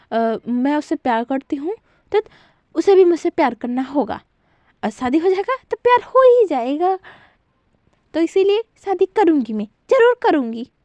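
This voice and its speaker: A woman's voice: sits high, a little mellow, dry recording, pitched above the performer's own voice. A woman voicing a stern middle-aged mother who scolds her daughter harshly through gritted teeth.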